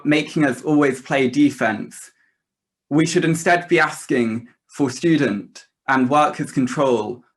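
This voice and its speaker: A young man speaks as a student activist at a political rally. His medium-pitched voice carries a prepared speech in short, emphatic, declarative phrases. The delivery is earnest and rallying. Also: fairly bright tone. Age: young adult.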